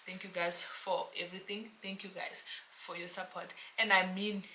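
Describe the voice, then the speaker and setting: A South African woman, a real estate agent, chatting to camera in a casual explainer vlog, animated and talking to her viewers like friends. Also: fairly low pitch, normal speed, a little hiss or hum. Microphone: camera mic, self-filmed.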